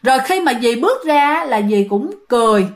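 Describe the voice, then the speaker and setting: A woman's voice: high voice, animated, normal speed. A woman telling a ghost story casually, talking directly to her listeners. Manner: chatty, addresses listeners directly.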